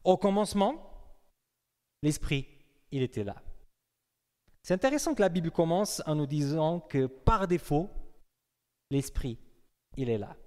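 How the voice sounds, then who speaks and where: In a church hall with a long, echoing reverb, a young adult pastor preaches conversationally, posing questions to his congregation. His mellow voice is fairly high and sing-song, a little slow, with frequent pauses.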